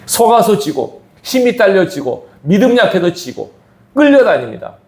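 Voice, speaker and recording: A man's voice: sits high, big pitch swings, normal speed, darkish tone. A man preaching a sermon as pastor, his emphasis rising and falling sharply. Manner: emphatic preaching with sudden rises and drops. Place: church sanctuary. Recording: echoey church hall.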